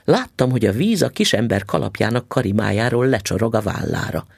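A male audiobook narrator tells the story with a lively, animated lilt. His voice is husky and gravelly. The sound is dry and close to the mic. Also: lowish voice, no room sound.

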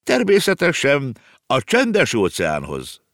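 A man's voice: medium pitch, wildly swooping pitch, fairly bright tone, pitched above the performer's own voice. A man voicing a courteous, matter-of-fact talking circus horse in a storybook reading.

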